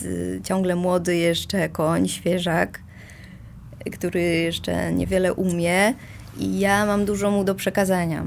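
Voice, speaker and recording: A woman's voice: on the low side, creaky, darkish tone, slight background noise. A woman in casual conversation, talking reflectively and self-mockingly, with many hesitations and small laughs.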